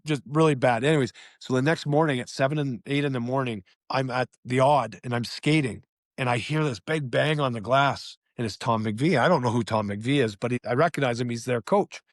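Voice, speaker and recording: A man's voice: mid-range voice, brisk, no echo, clean studio sound. A middle-aged man, a former hockey player, telling a casual podcast story and swearing freely. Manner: animated, swearing.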